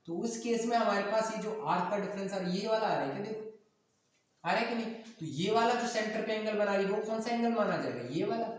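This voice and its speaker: A man's voice: sits high, quick pace. A male math teacher lecturing at a board, asking the class questions and answering them himself, and mixing English math terms into his talk. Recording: very echoey room, mic far off.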